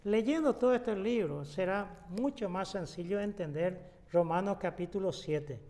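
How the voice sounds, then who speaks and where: A man's voice: high voice, darkish tone, in a large hall. A man, a pastor giving an exegetical Bible lesson, explaining unhurriedly with frequent fillers and restarts. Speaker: pastor teaching a Bible study.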